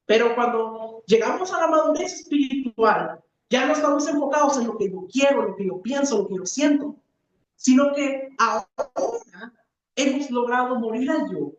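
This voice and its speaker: A woman preacher giving an earnest teaching sermon, often pausing on rhetorical questions. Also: high-pitched, very animated. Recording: echoey, distant, dull room recording.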